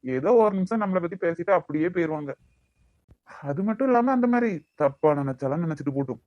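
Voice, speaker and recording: A man's voice: fairly high pitch, expressive, fast, no echo, lo-fi sound, natural voice. A man voicing several young men in a Tamil cartoon romance, with a Nagercoil accent, wheedling his fiancée and musing aloud to himself. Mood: reassuring. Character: young man, affectionate fiancé and lovestruck taxi driver. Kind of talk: cartoon voice acting.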